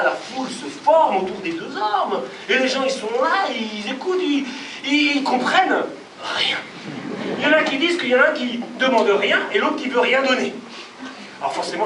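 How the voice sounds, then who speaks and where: A man storyteller telling a folk tale live, expressive and rhythmic, speaking directly to the audience. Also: very high-pitched. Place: live performance venue. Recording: distant roomy live recording, noisy.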